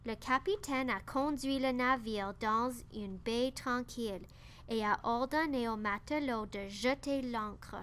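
A woman reading a children's story aloud, slow and careful. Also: a little high, a bit bright, a little hiss or hum. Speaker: narrator.

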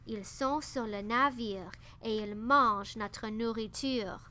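Woman doing a panicky ship cook, loud and bright, read from a kids book. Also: fairly high pitch, slow pace. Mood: alarmed. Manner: loud, alarmed outcry. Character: alarmed male ship's cook.

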